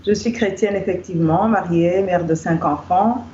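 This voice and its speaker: A woman's voice: fairly low pitch, normal speed, mellow. A woman from Rwanda, a guest in a casual discussion, speaking hesitantly with many fillers. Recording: echoey, muffled, faint background noise.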